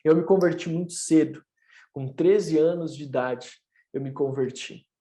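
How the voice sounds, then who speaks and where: In a fairly high, warm voice and an unhurried pace, a pastor in his thirties gives his testimony to an online church, earnest and preaching with rising emphasis.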